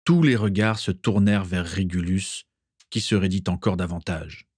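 A man narrating a story in an expressive, dramatic reading style. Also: deep voice, moderate pace, breathy edge, dry recording, studio quality. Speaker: audiobook narrator.

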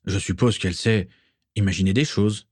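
A man's voice: deep voice, normal speed, no room sound, clean studio sound. A man voicing a proud, tense teenage boy who answers curtly and defensively in an audiobook reading. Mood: cold. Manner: curt, tight and defensive. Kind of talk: audiobook character voice.

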